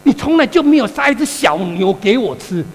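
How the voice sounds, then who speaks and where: A man's voice: very high voice, sing-song, very fast, mellow, exaggerated voice. A male pastor acting out a resentful older son complaining to his father during a sermon, with a Taiwanese-accented delivery. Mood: aggrieved. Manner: aggrieved complaining. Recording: reverberant hall with mains hum.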